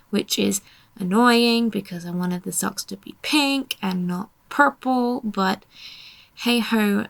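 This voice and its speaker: A woman's voice: mid-range voice, creaky. A young woman giving a casual voiceover about her painting, tired and yawning, grumbling at herself in a self-deprecating way. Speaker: artist narrating her painting.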